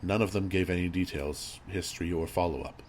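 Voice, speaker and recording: A man reading a scripted horror story as narrator, in a measured, grave storytelling manner. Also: low voice. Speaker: creepypasta narrator. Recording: audible background noise and ambience.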